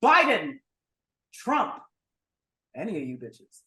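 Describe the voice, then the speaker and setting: A woman's voice: mid-range voice, very animated, takes it slowly, bright, forceful tone, roomy sound. A woman co-hosting a casual podcast, talking bluntly and animatedly and swearing freely. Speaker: podcast co-host. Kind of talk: casual chat.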